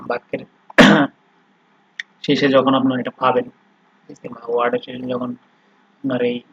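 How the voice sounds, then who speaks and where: A man teaching German pronunciation in an online class, explaining slowly and patiently with frequent fillers. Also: medium pitch, breathy edge, no room sound, dull audio.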